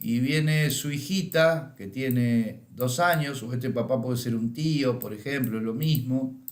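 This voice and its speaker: A man's voice: mid-range voice, unhurried, roomy sound. A middle-aged man with a Rioplatense Spanish accent, teaching an astrology course through anecdotes and often checking in with a questioning "¿m?". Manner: tags lines with questioning "¿m?" and "¿eh?". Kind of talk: lecture with anecdotes.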